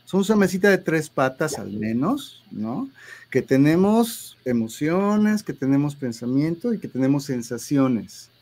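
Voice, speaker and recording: A man's voice: on the high side, sing-song, a little slow, a little mellow. A man, a therapist guest in an interview, explaining ideas with hesitant restarts and frequent tag questions.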